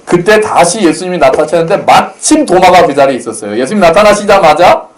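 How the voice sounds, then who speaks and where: Male pastor, chatty sermon delivery, raised pitch with animated swings, acts out quotes. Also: fast talker. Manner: storytelling, acts out quotes, lightly humorous. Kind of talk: conversational sermon.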